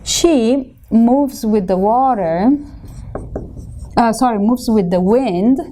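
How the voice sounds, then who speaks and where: A woman from Italy with an Italian accent, giving a conversational lecture to students and often pausing with ums and correcting herself. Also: a little high, warm tone, slight background noise. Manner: conversational teaching with frequent ums and self-corrections. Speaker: feng shui instructor.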